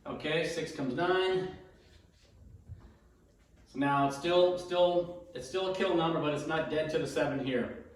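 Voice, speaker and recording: Male demonstrator with a cold, fairly high voice, casual halting play-by-play with repeated calls, recorded in a very echoey room. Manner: halting, self-narrating, repeats each call. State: has a cold, throat-clearing. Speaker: dice betting demonstrator. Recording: very echoey room, distant mic.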